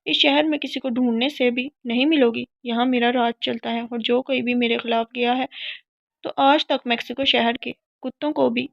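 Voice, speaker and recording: A woman's voice: on the high side, fairly even intonation, no room sound, natural voice. A woman voicing a domineering, short-tempered young man who barks threats in a harsh, commanding way. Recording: dull lo-fi sound.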